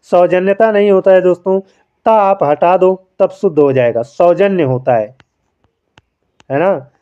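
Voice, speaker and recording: A man teaches a spelling quiz and walks through each answer slowly, asking a question and then giving the answer himself. His voice is smooth and mellow, and a little high for a man. The recording sounds dull and lo-fi. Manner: explains patiently, keeps calling listeners friends; writes by hand while talking. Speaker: Hindi grammar teacher.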